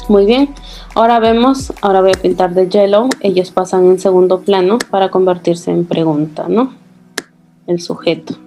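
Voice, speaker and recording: Patient woman teacher, mellow voice. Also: fairly low pitch. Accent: Peruvian Spanish. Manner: patient, repeats key words, checks with "¿no?"; slows right down to model English phrases. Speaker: English teacher. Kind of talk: recorded classroom lesson.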